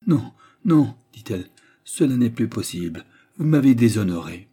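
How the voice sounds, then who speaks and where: A man's voice: on the low side, animated, moderate pace, mellow, slightly rough. A man reading aloud and voicing a scheming young widow who feigns distress in a dramatic, pleading way. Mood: alarmed.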